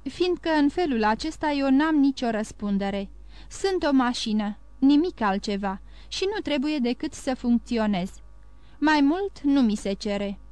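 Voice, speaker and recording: A humble man of 55 who keeps a telegraph post and tends his garden, giving plain and modest answers as a woman reader voices him. The voice is fairly high, smooth and clear, recorded with no echo. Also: lively intonation, a little mellow. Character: humble 55-year-old male telegraph keeper, contented gardener.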